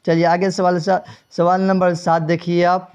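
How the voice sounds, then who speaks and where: A man's voice: high-pitched, monotone, darkish tone, smooth. A man teaching Urdu grammar for an exam, who asks rhetorical questions, repeats the answers and spells out English words letter by letter. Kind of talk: exam-prep grammar lesson. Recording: dull lo-fi recording.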